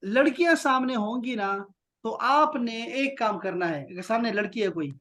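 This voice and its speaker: Man, Arabic teacher, online kids' class, video call audio, slow drilled phrases, frequent praise, patient. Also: very high-pitched, a bit bright. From Pakistan. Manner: patient, drills phrases slowly and repeats them; praises often. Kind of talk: online lesson for children.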